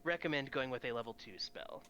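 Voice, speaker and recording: Bright-voiced man running a tabletop game. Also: medium pitch, fairly quick, muffled recording, a little hiss or hum. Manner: patient, explains rules and keeps the game moving. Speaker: game master. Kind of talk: casual tabletop game talk.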